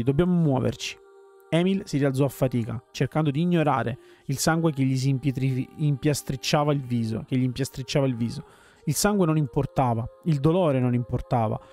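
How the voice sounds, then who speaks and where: A man reading a dark game story aloud in a measured, grave storytelling manner. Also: mid-range voice. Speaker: let's player reading story text.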